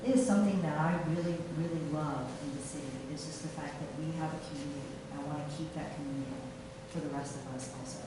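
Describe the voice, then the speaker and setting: A middle-aged woman, a city council candidate from Taiwan, giving a halting campaign speech full of fillers and restarts. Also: low-pitched, steady tone. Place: meeting room. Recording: echoey room from far off, noisy.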